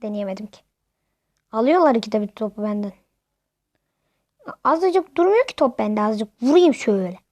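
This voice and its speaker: A woman commentating on her own football video game in a casual, running chat. Her voice sits high, and she gets excitable, shouting at the referee and cheering on her players. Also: moderate pace, long pauses, no room sound, muffled recording. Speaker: gamer.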